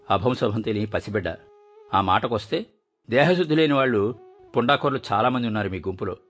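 A man reading a story aloud and voicing a sharp-tongued old grandmother who scolds with scorn and defiance. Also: on the low side.

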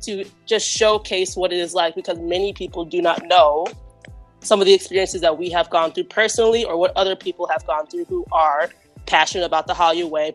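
A woman hosting a casual podcast, upbeat and chatty, who laughs easily as she talks. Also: fairly low pitch. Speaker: podcast host.

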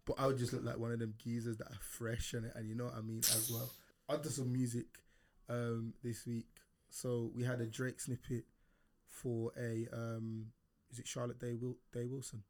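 A man's voice: medium pitch, completely flat delivery, normal speed, a little mellow. A man with an urban London roadman accent, chatting casually and teasing in street slang as a co-host. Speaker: co-host of a chat show. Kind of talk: casual banter.

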